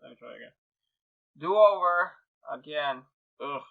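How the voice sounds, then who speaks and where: A man's voice: fairly high pitch, animated, a little slow, vocal fry, narrow, tinny audio. A man from Serbia hosting a casual podcast over a video call, upbeat and joking. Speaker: podcast host. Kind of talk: casual online podcast chat.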